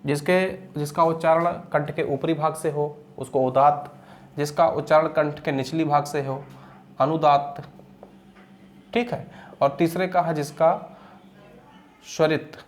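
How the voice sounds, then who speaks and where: A young male teacher giving an exam-prep grammar lesson, repeating key phrases, checking in with listeners, and reciting rules slowly. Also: on the high side, fairly even intonation, slight background noise. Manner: recites Sanskrit sutras slowly.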